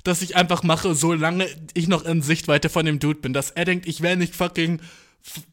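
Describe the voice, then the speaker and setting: A man's voice: on the high side, little pitch movement, moderate pace, fairly bright tone. A young man hosting a podcast, telling a story in casual monologue, slangy and swearing, mixing in English words, mocking himself and acting out his own thoughts. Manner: self-mocking, laughs often, acts out his own thoughts. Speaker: podcast host.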